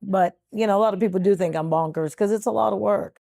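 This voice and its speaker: A middle-aged sanctuary founder from Trinidad and Tobago speaks earnestly and reflectively in a documentary interview, using frequent fillers. Her mid-range, mellow voice moves quickly with vocal fry, recorded in clean studio sound with no room echo.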